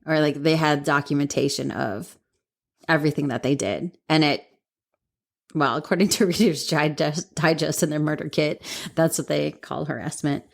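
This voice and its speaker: Low-voiced female co-host, giggly, rambling storyteller. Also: creaky. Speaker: podcast co-host. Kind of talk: casual chat.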